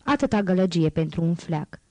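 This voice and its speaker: Woman reading a calm, kindly traveler. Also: on the low side, no room sound, lightly acted. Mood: puzzled. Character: quiet, kindly male traveler, calm stranger. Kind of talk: audiobook character voice.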